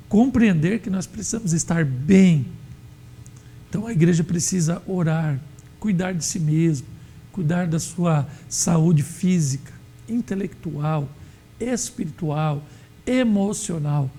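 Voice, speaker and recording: Male Bible teacher from Brazil, gravelly and dark-toned, measured lecture with fillers. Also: fairly high pitch. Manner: measured, explanatory, with many fillers. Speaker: Sunday school teacher.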